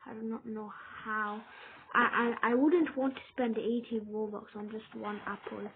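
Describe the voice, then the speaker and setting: A woman's voice: fairly high pitch, steady tone, moderate pace, vocal fry. Chatty British woman on a tinny mic. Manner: rambling, chatty self-talk. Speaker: gamer. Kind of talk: casual gameplay commentary. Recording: tinny lo-fi with noise.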